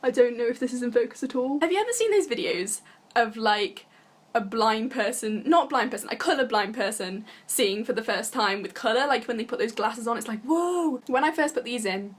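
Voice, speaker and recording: A woman's voice: on the high side, lively intonation, a little fast. Giggly young woman vlogging casually. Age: young adult. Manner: chatty, giggly, full of fillers like "like" and "um". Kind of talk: casual vlog talk to camera.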